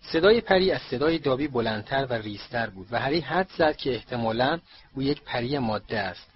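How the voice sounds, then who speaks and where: A man narrates a storybook in a steady, measured reading voice at a middle pitch. The recording sounds dull and lo-fi. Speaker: audiobook narrator.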